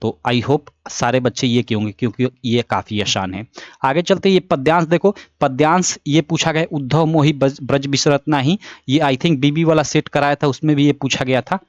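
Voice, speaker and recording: A man's voice: medium pitch, moderate pace, dry recording. A young man casually walking students through an exam paper, often checking in and correcting himself as he goes. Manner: casual, repeats filler checks, self-corrects. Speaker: teacher. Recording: dull lo-fi sound.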